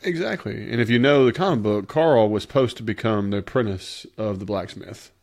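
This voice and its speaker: A man's voice: lowish voice, brisk, gravelly, darkish tone. A man co-hosting a podcast, chatting casually in a blunt, sardonic way. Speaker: podcast co-host. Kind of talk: casual review chat.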